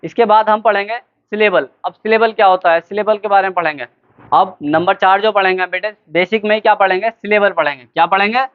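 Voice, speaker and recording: High-voiced man teaching grammar, tinny sound. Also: clear, resonant tone. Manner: addresses students as beta, asks and answers own questions; spells words letter by letter slowly. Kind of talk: classroom lesson. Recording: tinny phone-like lo-fi recording.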